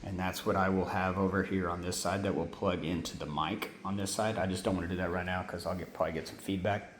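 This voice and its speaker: This low-voiced man talks fast in a steady tone as he casually shows off the gear he built himself, rambling informally and catching his own mistakes. A little hiss or hum sits under the roomy, faintly ambient sound of this how-to walkthrough.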